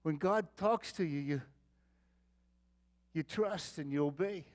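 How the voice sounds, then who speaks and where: A man acting out Abraham, the aging patriarch, talks to his boy in an earnest, fatherly way. The voice sits high for a man, and the monologue swings from loud calls to soft confiding. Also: slow pace. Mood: earnest storytelling. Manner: theatrical monologue, calling out, then tender and confiding. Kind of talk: dramatic Bible-character monologue.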